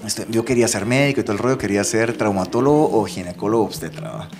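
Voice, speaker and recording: Brief: a male TV presenter, Guatemalan Spanish accent, Basque native speaker, animated storyteller, faint music under. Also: lowish voice, quick pace. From Bilbao, Spain; raised in Guatemala from age five. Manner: chatty, animated storyteller, acts out quoted voices. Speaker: TV presenter, guest. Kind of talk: casual conversational interview.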